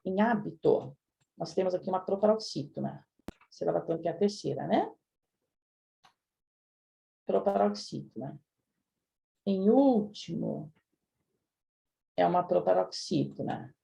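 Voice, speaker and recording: A woman's voice: on the low side, expressive, unhurried, gravelly, pauses often, warm tone, highs cut off. A woman teaching a live online grammar review class, chatting with her students and often checking in with them. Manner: chatty, addresses students directly with frequent "né?". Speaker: Portuguese language teacher.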